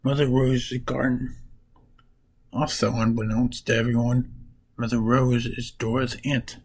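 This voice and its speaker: A man casually retelling comic book plots in a halting, piece-by-piece way. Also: mid-range voice, little pitch movement, a little mellow, slightly rough, poor audio.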